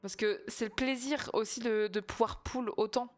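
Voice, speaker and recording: A young woman streaming a game, chatting excitably and talking over herself, with game music in the background. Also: on the high side, normal speed. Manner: excitable, chatty, many restarts and gasps. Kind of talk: casual gaming stream chat.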